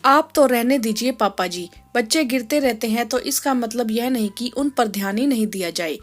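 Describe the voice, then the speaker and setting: A woman voicing a young working mother, a quick-tempered daughter-in-law who scolds in a sharp, clipped way in a storybook tale. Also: a little high, animated, soft background music. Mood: sharp, annoyed.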